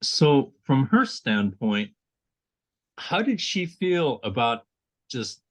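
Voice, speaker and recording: A man's voice: mid-range voice, big pitch swings, slow pace. A man hosting an interview, asking curious, encouraging questions. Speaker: interview host. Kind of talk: conversational interview.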